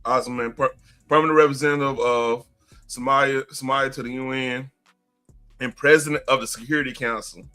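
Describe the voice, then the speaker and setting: A man co-hosts a casual livestream with a bright, forceful voice. He reads news stories in a halting way, pausing mid-sentence to search for things. He is fighting hiccups throughout. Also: mid-range voice, steady tone, faint music behind. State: has hiccups. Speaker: livestream co-host.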